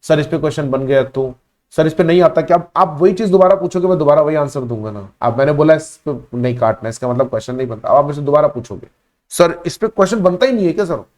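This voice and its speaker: Emphatic male teacher, slightly high voice. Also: fast talker, darkish tone. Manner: emphatic, repeats key phrases, addresses students as beta. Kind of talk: live online class lecture.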